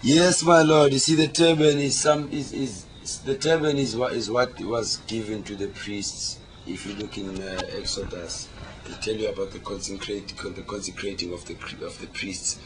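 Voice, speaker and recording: Over clear background noise, a low-pitched man explains his beliefs in Rasta speech. He sounds devout and emphatic, circling back on phrases as a preacher would. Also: fairly even intonation, normal speed. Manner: emphatic, repeats words as he preaches. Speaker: Rastafarian interviewee. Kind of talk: explanatory religious interview talk. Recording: clearly noisy location recording.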